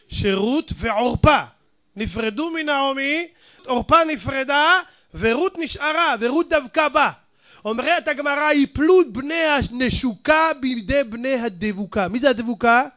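A man preaching, telling a story in a lively way and addressing the audience directly. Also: very high-pitched. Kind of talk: animated sermon storytelling.

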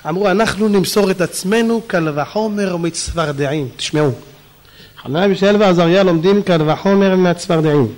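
A man giving a storytelling sermon as a preacher, animated and acting out the characters with sudden shouts. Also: high-pitched. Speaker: rabbi preacher.

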